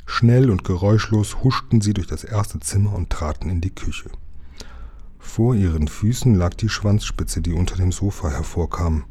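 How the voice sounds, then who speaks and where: A man reading a children's book aloud in a calm, even storytelling manner. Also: low voice, moderate pace, breathy edge. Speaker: reader.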